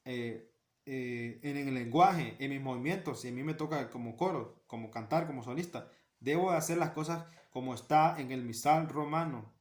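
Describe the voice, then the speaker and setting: A man's voice: mid-range voice, moderate pace, roomy sound. A man giving an earnest talk on liturgy, repeating key phrases for emphasis. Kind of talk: spoken catechesis talk.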